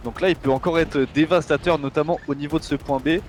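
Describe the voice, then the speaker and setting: Informal male esports caster, fairly high voice. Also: fairly even intonation, fast talker. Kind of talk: live esports match commentary, conversational. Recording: faint gunfire and game noise behind.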